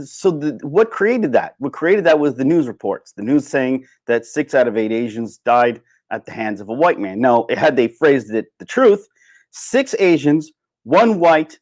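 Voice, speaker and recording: This man's voice sits at medium pitch with a darkish tone and no echo. Hosting a livestream, he gives a casual, opinionated monologue, talking informally and with emphasis, repeating phrases to drive points home and swearing now and then.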